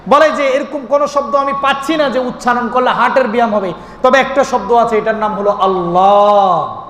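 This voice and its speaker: High-voiced preacher in an echoey hall. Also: male voice, steady tone, fairly bright tone. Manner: chanting drawn-out calls mid-sermon; asks the crowd questions and answers them himself. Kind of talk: sermon. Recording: echoey hall recording with faint noise.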